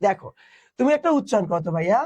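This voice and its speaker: A man's voice: high voice, expressive, racing, darkish tone, no echo. A young man teaching an online class, explaining step by step and asking his students questions.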